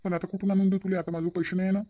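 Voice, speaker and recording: Brief: a man as evasive young man in a cartoon, fretting, quick high delivery. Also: little pitch movement, lo-fi sound. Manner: evasive, fretful. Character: cornered young man, man, sly and uneasy. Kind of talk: cartoon voice acting.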